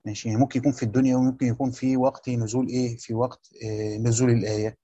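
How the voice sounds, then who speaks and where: A man's voice: medium pitch, level tone, racing, dark tone, husky, no echo. A man teaching a line-by-line commentary, repeating key phrases and answering his own questions. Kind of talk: explaining a text line by line. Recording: dry, dull lo-fi recording.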